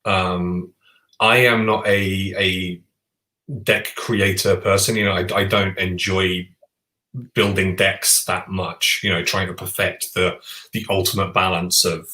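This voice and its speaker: A man with a fairly low voice chats eagerly as a podcast co-host, often restarting his sentences. His voice bounces around a roomy, echoey space. The talk is loose and conversational. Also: level tone, slow pace, sharp tone. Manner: chatty and enthusiastic, with frequent restarts. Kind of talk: casual chat about board games. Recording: roomy echo.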